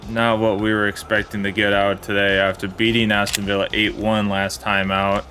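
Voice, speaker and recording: A young man giving casual play-by-play commentary on a football video game match, in a plain, steady way that turns let down when his side concedes. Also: lowish voice, normal speed, soft background music. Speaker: gaming commentator.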